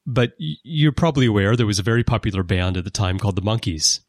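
A man hosting a casual podcast conversation, explaining background at length with lively emphasis. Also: on the low side, fast talker, no echo, clean studio sound. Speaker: podcast host. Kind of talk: casual conversation about a TV series. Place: lives in Japan.

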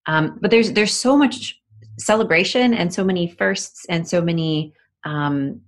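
A woman guest on a podcast speaks earnestly, often pausing with fillers as she searches for her words. Her voice sits notably low for a woman. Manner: earnest, many fillers and restarts. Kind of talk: casual podcast interview.

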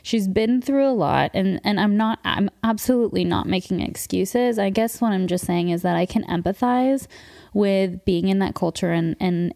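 A woman's voice: on the low side, vocal fry, warm tone, dry recording, studio quality. A young woman hosting a podcast, chatting casually with many fillers and restarts and laughing often. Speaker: podcast host. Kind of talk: casual interview chat.

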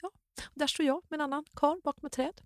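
Brief: middle-aged woman guest, animated storyteller who laughs and acts out dialogue, close dry sound. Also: high voice, no echo. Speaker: interview guest, author. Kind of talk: personal storytelling in a podcast chat.

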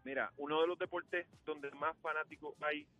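A man calling in to a sports radio show, telling his story in a measured way. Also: a little high, flat delivery, pushed and bright, faint music behind. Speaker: radio caller. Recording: tinny phone line.

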